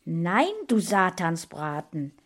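A woman voicing a girl turned wicked who taunts loudly. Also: fairly low pitch, expressive, takes it slowly. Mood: taunting. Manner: taunting, loud.

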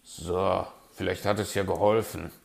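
A man's voice: low-pitched, level tone, unhurried, full character voice. Man doing a grumbling, know-it-all fox. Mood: gruff. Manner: grumbling, gruff, sardonic.

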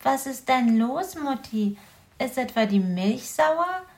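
A woman's voice: high-pitched, animated, slow, darkish tone, pitched above the performer's own voice, full character voice. A woman doing a cheeky little boy hedgehog. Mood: curious. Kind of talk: children's audio story.

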